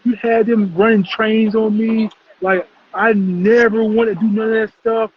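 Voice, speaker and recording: A man's voice: sits high, little pitch movement, unhurried, breathy edge, narrow, tinny audio, pitched above the performer's own voice. A man voicing a distraught, sobbing young woman in a raised, pleading voice. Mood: tearful pleading.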